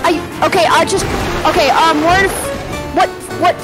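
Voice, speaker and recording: High, lively female gamer, playful trash talk over game music. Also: normal speed. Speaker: gamer streaming with a friend. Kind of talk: excited gameplay chatter.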